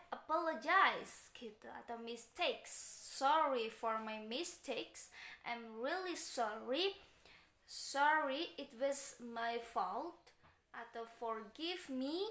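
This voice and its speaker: A woman with an Indonesian accent teaching an English lesson, patiently explaining and reading example phrases slowly and clearly. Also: fairly high pitch, a bit bright, roomy sound. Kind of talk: recorded online lesson.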